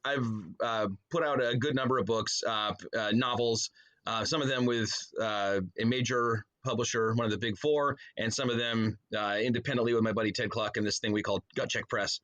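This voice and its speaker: On a podcast, a middle-aged man who is both an author and a pastor chats casually and jokes around as though with a buddy. His medium-pitched, fairly bright voice keeps a steady tone at a brisk clip during the conversational interview.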